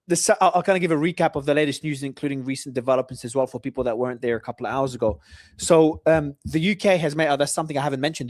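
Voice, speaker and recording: A man's voice: medium pitch, a little mellow, dry recording. Man, show host, news updates and predictions, dry close sound. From Australia. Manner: reads out news updates and gives his own predictions. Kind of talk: live news talk show.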